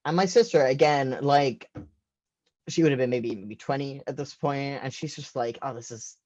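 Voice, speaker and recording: A man's voice: mid-range voice, normal speed, a little mellow, lo-fi sound. A man doing stand-up, rambling through a story with lots of fillers and laughing at his own jokes. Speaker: stand-up comedian.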